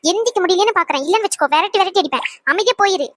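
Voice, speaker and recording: A woman's voice: extremely high pitch, expressive, rapid-fire, a bit bright, no room sound, studio quality. A woman voicing a bossy, exasperated young woman who keeps scolding her boyfriend with nagging sighs and exclamations in a cartoon. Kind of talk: cartoon voice acting.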